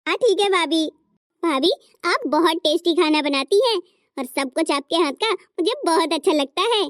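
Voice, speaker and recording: A sweet, outspoken teenage girl in a cartoon family drama, as a woman voices her. She pleads her case earnestly in a very high voice. The recording is dry and close. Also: moderate pace, dry recording. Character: sweet teenage sister-in-law, kind and outspoken. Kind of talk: cartoon story voice acting.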